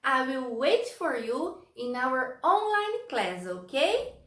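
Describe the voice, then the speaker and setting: Female children's teacher, high voice with big melodic swings, talking as if to a toddler, encouraging and sing-song, in a roomy space. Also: big pitch swings, fairly bright tone. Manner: slow simple talk as if reading to a toddler, with questions and pauses. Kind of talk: children's online class, talking to little kids. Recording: roomy, echoey sound.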